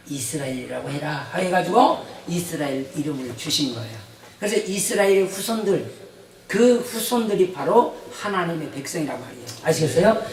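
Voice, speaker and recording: A male pastor giving an animated sermon in a church, questioning the congregation as he tells stories. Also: sits high. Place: church sanctuary. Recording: echoey church hall, mic from a distance.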